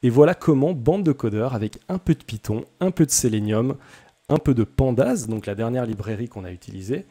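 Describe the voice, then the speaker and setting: A man's voice: medium pitch, lively intonation, a little fast, dark tone, husky. A young man hosting a casual coding tutorial, chatty and self-deprecating, with many hesitations.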